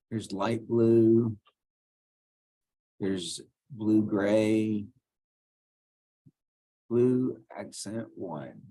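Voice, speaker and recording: A lowish voice, slightly mellow and husky, belongs to this male teacher. He guides students through a computer task one step at a time, musing aloud casually while clicking in a screen recording.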